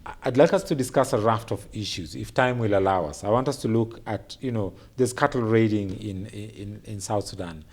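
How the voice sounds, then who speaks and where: A man with a Kenyan English accent hosting a studio talk show, measured and searching in his phrasing. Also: lowish voice, darkish tone.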